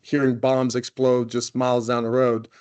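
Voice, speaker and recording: A man's voice: mid-range voice, level tone, moderate pace, darkish tone, clear, resonant tone. A man in his forties from Croatia, a guest in a casual interview, talking loosely with many "you know"s and restarts. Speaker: guest, company CEO.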